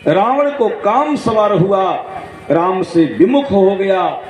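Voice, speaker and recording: A man giving a devotional sermon, acting out dialogue in jokey anecdotes and slowly chanting verses, recorded through a PA at a large outdoor gathering. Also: high voice, darkish tone. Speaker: Bhagwat katha storyteller. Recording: echoey PA sound with faint instrument music.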